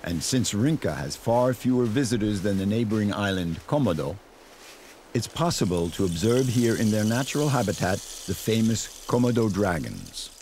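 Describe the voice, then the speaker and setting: A man's voice: lowish voice, sing-song, normal speed, darkish tone, a little hiss or hum. A man reading scripted narration in the style of a nature documentary.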